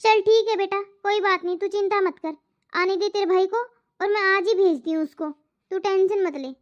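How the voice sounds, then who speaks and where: Shrill scolding mother-in-law. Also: fairly even intonation, moderate pace, highs cut off. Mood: soothing. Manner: scolding, nagging, accusing. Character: scolding middle-aged mother-in-law, nagging and sharp-tongued. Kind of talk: cartoon moral story dubbing.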